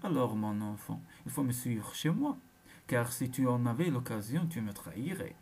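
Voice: mid-range voice, very animated, normal speed, a little mellow, slightly rough, pitched below the performer's own voice. A reader putting on a menacing old witch. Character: wicked old witch woman surrounded by flames.

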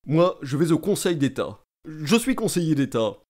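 A man's voice: on the high side, sing-song, moderate pace, darkish tone, pitched above the performer's own voice. A man voicing a pompous, talkative middle-aged state councillor who lectures and boasts eagerly. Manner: self-important, eager, lecturing.

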